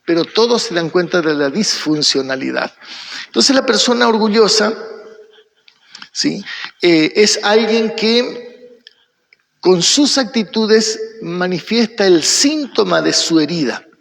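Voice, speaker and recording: A man's voice: sits high, animated, takes it slowly, creaky, a bit bright. A man with an Argentine accent teaching a church Bible study, who asks questions, answers them himself and keeps checking in with his listeners. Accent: Argentine Spanish. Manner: keeps checking in with the audience by asking "¿sí?". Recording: long echoing hall reverb.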